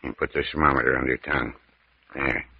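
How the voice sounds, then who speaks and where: A man's voice: extremely low pitch, steady tone, fast, vocal fry, breathy edge, no room sound, heavily acted. A man playing a crusty, fussing doctor with folksy grumbles in an old-time radio mystery. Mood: fussing, soothing. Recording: dull dry vintage radio recording.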